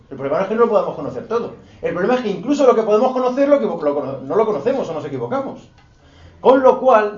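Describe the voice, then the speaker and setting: A man's voice: sits high, darkish tone, a little hiss or hum. A man from Spain lecturing a class on philosophy, firing rhetorical questions and teasing his students in colloquial asides. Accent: Spain Spanish. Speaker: philosophy teacher. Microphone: distant room mic. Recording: echoey, dull classroom audio from far off.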